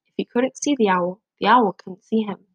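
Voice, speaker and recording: A woman reading a children's picture book aloud, with gentle, steady storytelling. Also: mid-range voice, normal speed, slightly rough, dry recording, muffled recording. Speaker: storybook reader.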